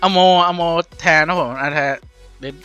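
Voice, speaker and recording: A young man playing and commenting on a video game in a casual, playful way, laughing often and yelping when excited. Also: a little high, normal speed, highs cut off, soft background music. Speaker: gaming YouTuber.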